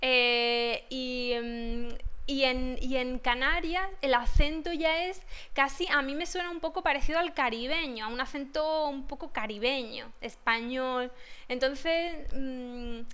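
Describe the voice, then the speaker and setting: A Spanish teacher from Granada with an Andalusian accent, talking casually in a video-call interview, thoughtful and full of restarts. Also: female voice, high voice, a little slow, bright, forceful tone, smooth. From Granada, southern Spain. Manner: thoughtful, many restarts and fillers.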